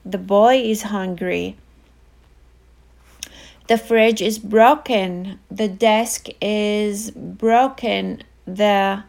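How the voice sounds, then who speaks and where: A woman tutoring Arabic in a casual online lesson, explaining slowly with repetition and frequent fillers. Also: mid-range voice, steady tone, gravelly, darkish tone. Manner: slow, repetitive teaching with many fillers.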